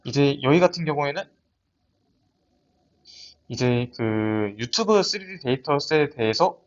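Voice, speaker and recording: A man's voice: medium pitch, expressive, measured pace. A young man gives a research paper presentation in a lab seminar, talking hesitantly with frequent restarts and fillers. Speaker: student presenter. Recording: dull lo-fi audio.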